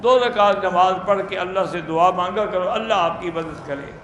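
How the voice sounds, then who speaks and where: High-voiced male scholar in an echoey room. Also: dull audio, noisy background. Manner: plain-spoken, brisk, matter-of-fact rulings. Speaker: Islamic scholar answering questions. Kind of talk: religious question-and-answer talk.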